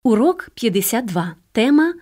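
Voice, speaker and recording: A woman's voice: a little high, sing-song, normal speed, darkish tone. A woman teaching a children's speech lesson, carefully sounding out single letters and words and reading nursery rhymes aloud. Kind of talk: slow, clearly articulated reading of children's rhymes.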